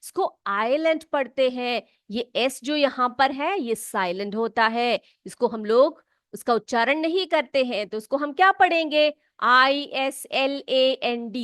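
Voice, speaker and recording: A woman teacher from North India, explaining English words and spelling them out slowly, often checking whether the pupils follow. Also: on the high side, a bit bright, dry recording, studio quality. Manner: slow, drawn-out spelling and frequent check-ins with pupils. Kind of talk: classroom English vocabulary lesson.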